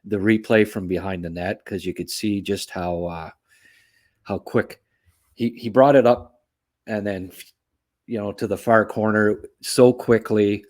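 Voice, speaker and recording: A man with a lowish, steady, slightly slow and somewhat mellow voice co-hosts a sports podcast. He offers casual, chatty hockey analysis, often tags his remarks with "eh," and chuckles at his own asides.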